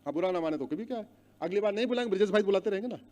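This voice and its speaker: High-pitched man rousing a crowd. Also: lively intonation, racing. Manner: rousing, chants long lists loudly and asks the crowd to repeat. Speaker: public speaker. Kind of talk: public speech to a live audience. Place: hall with an audience.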